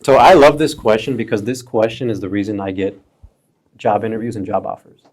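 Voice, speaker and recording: A man's voice: lowish voice, steady tone, fairly quick, darkish tone. Laid-back man in his thirties. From Chicago area, US. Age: 30s. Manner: laid-back, calls friends bro and dude. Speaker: podcast guest. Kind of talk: casual storytelling chat.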